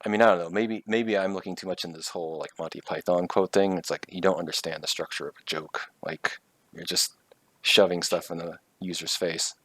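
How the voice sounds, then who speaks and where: Deep-voiced sarcastic man reviewing games. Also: steady tone, brisk, a bit bright, dry recording. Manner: sarcastic, fills with "like". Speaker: game reviewer, co-host. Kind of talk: casual review chat.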